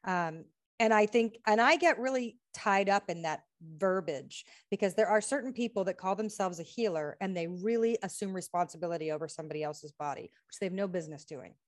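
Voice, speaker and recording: A woman's voice: medium pitch, a little fast. A woman from the United States, a healing practitioner and author, speaking earnestly as an interview guest, running through lists of questions and laughing often. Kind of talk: conversational interview.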